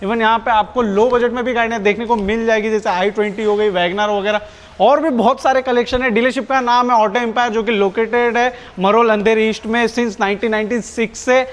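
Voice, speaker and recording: High-voiced Indian man hosting a promo. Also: steady tone, fairly quick. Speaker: car video host. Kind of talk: promotional vlog presenting. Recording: echoey reverberant hall.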